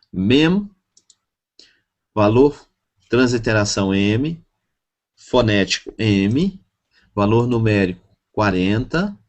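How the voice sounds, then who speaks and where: A man teaching a class, speaking slowly and repeating each word for his students to drill pronunciation. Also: mid-range voice. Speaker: Hebrew teacher. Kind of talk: classroom lesson.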